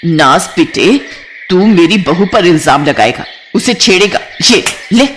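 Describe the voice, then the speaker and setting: A woman's voice: on the low side, expressive, measured pace, a bit bright, slight background noise. A woman voicing a kind middle-aged mother-in-law who talks in a soothing, motherly way. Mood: angry.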